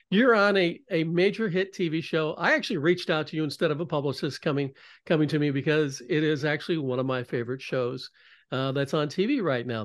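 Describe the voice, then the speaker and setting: An older man hosting a casual interview over a video call, asking friendly, rambling questions full of fillers. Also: on the high side. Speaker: interview host.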